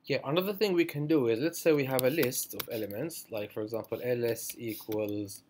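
A man's voice: medium pitch, brisk, a little mellow, a little hiss or hum. A man teaching a programming tutorial over a screencast, talking it through with many fillers and self-corrections. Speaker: programming instructor.

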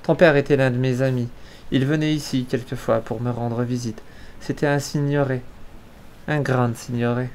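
A gracious, wealthy countess speaks softly and evenly in this storybook reading, voiced by a man. Her lines come low and measured, at an ordinary pitch. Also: fairly even intonation, slight background noise, close to an everyday voice. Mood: gentle. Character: gracious wealthy countess, woman, middle-aged.

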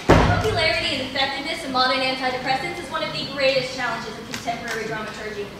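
In a live stage comedy sketch, a young woman actor with a high voice plays a brisk, wry playwriting lecturer, lecturing with dry asides. A distant camera mic recorded her from far off on a large indoor theater stage, so the sound echoes through the hall and is noisy.

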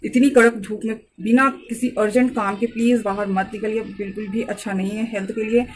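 A young woman chatting softly and slowly while she cooks in her home kitchen, recorded on a phone. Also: mid-range voice, level tone, distant mic, slight background noise, rough recording. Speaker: cooking vlogger. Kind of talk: casual home cooking vlog.

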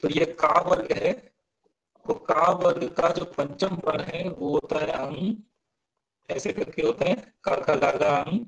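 Slow gravelly guy teaching a class, bit high voice, walks through pronunciation patiently and keeps asking the students questions. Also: a bit bright, poor audio. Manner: recites verses slowly, syllable by syllable. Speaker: Sanskrit teacher.

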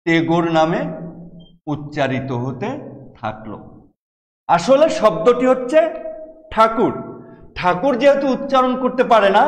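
A middle-aged man from Bangladesh, a Bengali professor giving a classroom lecture, explaining slowly and repeating key words. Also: high voice. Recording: echoey hall reverb.

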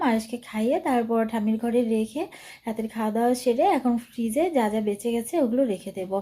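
A young woman with a fairly high voice chats away to her viewers in a relaxed home vlog. She talks to them like friends as she goes about her evening chores. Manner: chatty, addresses viewers as friends. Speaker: vlogger, mother. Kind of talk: casual home vlog narration. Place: home at night.

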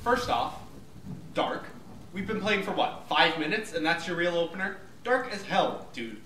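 An exasperated man with a high, bright voice corrects his friend with growing frustration. He sits some distance from the mic in an echoey room. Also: animated, measured pace, a little hiss or hum. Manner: exasperated, correcting, grows loud. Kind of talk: sketch comedy acting.

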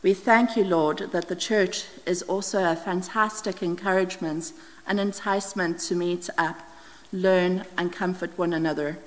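A middle-aged woman from the Scottish Highlands reading prayers aloud at a church lectern, steady and careful, with small slips as she reads. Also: normal speed. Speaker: prayer leader. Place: church hall with brick wall, indoors. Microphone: stand mic at lectern, wide camera. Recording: long hall reverb.

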